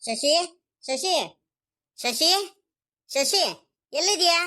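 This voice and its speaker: A worried young village husband, voiced by a woman, pleads and asks the same questions again and again. The voice sits high. It is a village comedy cartoon. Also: expressive, extremely slow, pushed and bright, exaggerated voice. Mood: worried pleading.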